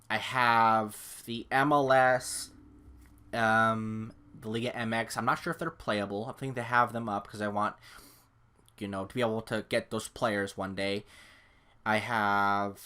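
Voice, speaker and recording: This gaming YouTuber is a young Californian man whose lowish voice is steady, sharp, clear and resonant, and he takes his time. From a room at home and into a desk mic, he rambles casually through gameplay commentary for the camera, filling it with fillers and jokes at his own expense.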